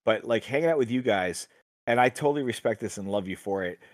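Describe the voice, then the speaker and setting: Animated storytelling man on a podcast. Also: fairly low pitch, fast, no echo, studio quality. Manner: animated storyteller, acts out voices in anecdotes. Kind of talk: casual chat.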